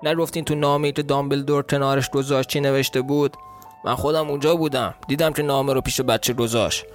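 A man's voice: medium pitch, animated, soft background music, close to an everyday voice. A man with a southern Iranian accent voicing a huge, hot-tempered male gamekeeper who talks bluntly and indignantly in a storybook reading. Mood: angry.

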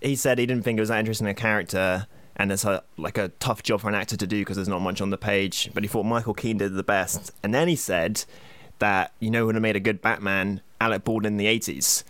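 A man's voice: on the low side, fairly even intonation, quick pace, a bit bright, dry recording. A man co-hosting a podcast in casual, jokey chat, laughing often. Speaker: podcast co-host.

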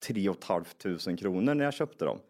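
Young man, casual chat, animated storyteller, swears a lot, acts out quotes. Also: sits low.

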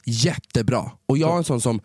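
A man co-hosting a casual chat, telling stories with lively acted-out quotes and frequent swearing. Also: mid-range voice, dry recording, studio quality. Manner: animated, acts out quoted exchanges in a raised voice; sprinkles English phrases and swearing. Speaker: podcast co-host.

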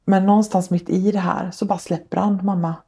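A woman's voice: medium pitch, level tone, mellow, breathy edge. A woman and social worker, a podcast guest, earnestly telling a personal story step by step with frequent fillers. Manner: earnest, tells events step by step with many fillers. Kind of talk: personal account in a podcast interview.

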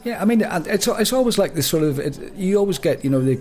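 Warm and high-pitched, this podcast co-host speaks quickly with lively intonation. He's chatty and jokey in a casual conversation, tripping over his words and restarting sentences often.

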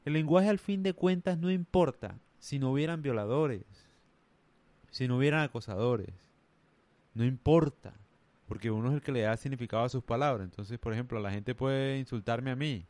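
A man's voice: mid-range voice, moderate pace, darkish tone, dry recording. Rambling man with a Colombian coastal accent. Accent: Colombian Caribbean coast. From Caribbean coast of Colombia. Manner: rambling, emphatic, heavy slang. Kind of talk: casual rant to camera.

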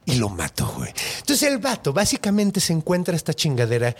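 Man, Mexican accent, podcast host, casual storytelling, slangy and profane, high and lively voice. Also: fairly quick, husky.

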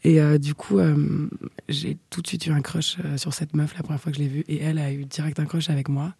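A young woman chatting frankly into a close mic, her voice husky and breathy, often sinking to a half-whisper between fillers. The tone is dark and mellow, and the room sounds dry and dead. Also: deep voice, little pitch movement, brisk, no room sound. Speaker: storyteller guest. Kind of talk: casual chat, personal anecdote.

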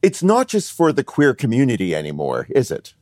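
A man's voice: mid-range voice, a little fast, dry recording, studio quality. A middle-aged man co-hosting a podcast as the father, teasing and making puns in joking banter. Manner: pun-loving, teasing, animated.

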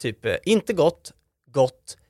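A man's voice: on the high side, very animated, a little mellow, no echo, studio quality. A man co-hosting a podcast, talking casually with many fillers and restarts and laughing easily. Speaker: podcast co-host. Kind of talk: casual chat.

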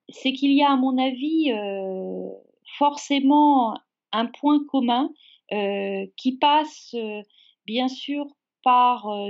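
Woman interviewee, fairly high voice, halting and reflective, many pauses, dull lo-fi sound. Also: darkish tone. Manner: hesitant, many fillers and repetitions, measured. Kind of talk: spontaneous spoken answer. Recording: dull lo-fi recording.

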